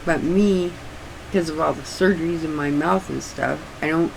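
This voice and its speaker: An older woman chatting casually and haltingly, with slightly restricted articulation, as if her sore jaw won't open wide. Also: sits low, gravelly, background noise. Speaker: craft vlogger. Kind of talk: casual rambling chat.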